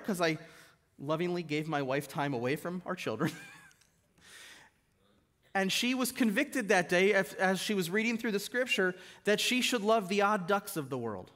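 A middle-aged man preaching a sermon in a church, retelling stories and dropping his voice low and soft for quoted lines. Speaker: guest preacher. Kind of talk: sermon with storytelling. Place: church sanctuary.

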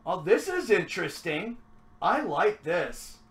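A man's voice: sits high, big pitch swings, slow, fairly bright tone. A man hosting a trading card break, chatting casually as he opens packs, upbeat and then mumbling to himself. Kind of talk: casual card-opening commentary.

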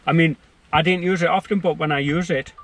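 A man's voice: on the high side, steady tone, a little fast, a bit bright. A man, a car owner chatting in a blunt, laid-back way full of swearing. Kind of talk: casual chat. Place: outdoors by a car. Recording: outdoor street noise.

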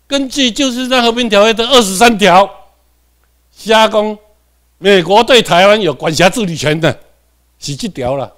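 A man's voice: high voice, a bit bright. A man from Tainan, Taiwan, with a Taiwanese accent, giving a classroom lecture. He repeats key points and keeps checking in with his students.

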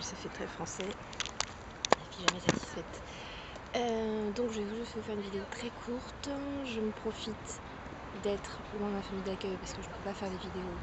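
A woman's voice: mid-range voice, heavy background noise. A young woman chatting casually while giving a tour of her home, with plenty of fillers and asides. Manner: chatty, coos at her dog. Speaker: vlogger.

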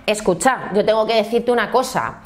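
A woman's voice: mid-range voice, normal speed, noisy background. A woman with an accent from Spain hosting an opinionated commentary, blunt and indignant, talking straight to her viewers. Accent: Spain Spanish. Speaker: commentary channel host.

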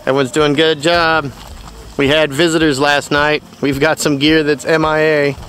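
A middle-aged man vlogging outdoors on a river with a phone held at arm's length, relaxed and upbeat, full of fillers. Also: on the high side, normal speed, a little hiss or hum, rough recording. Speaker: outdoor instructor. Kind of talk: casual vlog narration.

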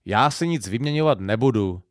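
A man's voice: mid-range voice, expressive, no room sound, clean studio sound, lightly acted. A man with a Silesian accent voicing a stubborn, sulky young groom in an audiobook. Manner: sulky, blunt.

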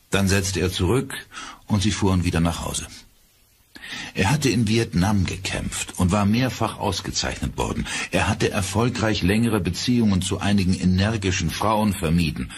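A man narrating a horror audiobook in a dramatic, expressive storytelling manner. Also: low voice, a little hiss or hum.

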